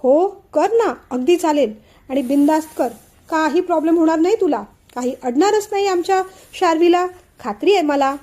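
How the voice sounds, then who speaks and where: A woman's voice: sits high, animated, normal speed, warm tone. A woman doing a soothing teacherly sister-in-law. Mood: reassuring. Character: calm, reassuring young sister-in-law, a woman.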